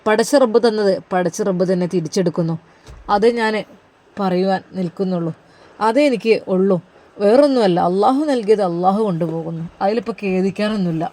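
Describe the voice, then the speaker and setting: A narrator voicing a worried, pious young husband, pleading in earnest prayers. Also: male voice, sits high, brisk, darkish tone, close to an everyday voice. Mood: anxious. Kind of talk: storybook narration, inner monologue.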